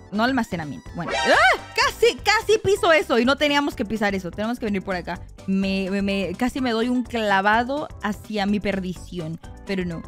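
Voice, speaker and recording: A young woman, giving casual gameplay commentary and talking excitedly to her viewers. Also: fairly high pitch. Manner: excitable, talks to viewers, bursts into shrieks. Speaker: gaming YouTuber.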